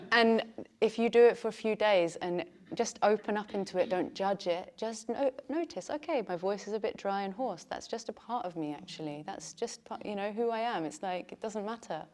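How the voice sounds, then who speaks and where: A woman with a mid-range, darkish-toned voice teaches a class of yoga teacher trainees at a moderate pace. She's chatty and laughs often.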